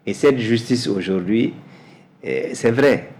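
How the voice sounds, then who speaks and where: A man from Mali, answering as an interview guest in a measured way, repeating words as he searches for them. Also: mid-range voice, animated, a little mellow. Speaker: guest, energy specialist.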